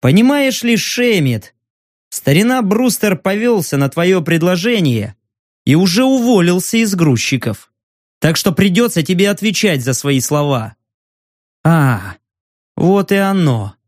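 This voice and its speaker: A man voicing a smug, menacing former dockworker in an audiobook, taunting slowly and slyly. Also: high voice, sing-song, no room sound, studio quality. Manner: slow, taunting and sly. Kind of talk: audiobook narration.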